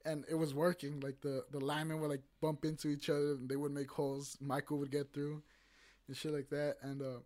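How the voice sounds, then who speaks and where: A young adult man hosts a podcast of casual chat, rambling and swearing a lot, with many fillers and restarts. His voice is a little high and a little mellow, delivered flatly and slightly fast.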